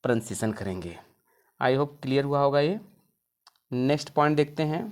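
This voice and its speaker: A woman teaching an English lesson in a classroom style, asking questions and answering them herself, and drawing out example words slowly. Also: extremely low pitch, lively intonation, a little mellow. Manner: slow, drawn-out words when spelling out examples.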